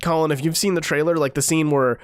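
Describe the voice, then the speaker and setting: A man's voice: on the high side, fairly even intonation, fast, no room sound, studio quality. A young man co-hosting a podcast, talking about a film in a laid-back, hesitant way with many fillers. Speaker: podcast co-host. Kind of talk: casual film review chat.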